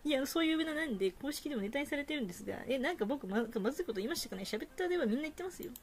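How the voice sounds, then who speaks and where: A tactless otaku schoolboy rattles off his opinions in a bright, raised pitch, with a woman acting him out. He talks fast and never notices he has said too much, with soft music under him. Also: animated. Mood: matter-of-fact. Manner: cheerfully tactless, matter-of-fact. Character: blunt nerdy teenage otaku boy. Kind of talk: reading game dialogue aloud.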